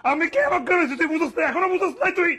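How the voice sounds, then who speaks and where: An actor with a Bangladeshi Bengali accent playing a bossy husband who shouts and scolds his hard-of-hearing wife in a comedy drama. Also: extremely high pitch, racing. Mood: scolding. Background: background music.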